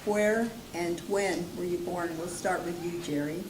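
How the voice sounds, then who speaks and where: A woman's voice: lowish voice, fairly even intonation, measured pace, recorded from a distance. A woman interviewer asking questions politely with short prompts. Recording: echoey room, off-mic, background noise.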